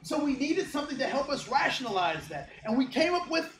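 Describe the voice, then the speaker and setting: A diversity trainer in his fifties from Ohio, in the United States, gives a joking, interactive workshop talk to a live audience, often checking in with them. His voice is extremely high and sing-song, and he talks fairly quickly. The room is echoey, with a faint hum in the background.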